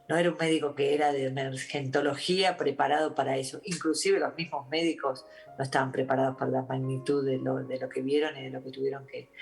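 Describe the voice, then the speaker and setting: Reflective Argentine woman, halting speech. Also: extremely low pitch, gravelly. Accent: Argentine Spanish. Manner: halting, reflective, many restarts and fillers. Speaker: interview guest, doctor. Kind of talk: remote interview testimony.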